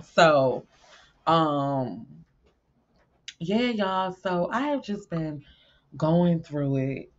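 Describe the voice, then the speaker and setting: A woman's voice: low voice, takes it slowly. Chatty woman tarot reader, lo-fi audio. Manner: chatty, repeats herself, swears freely. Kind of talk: casual chat to viewers.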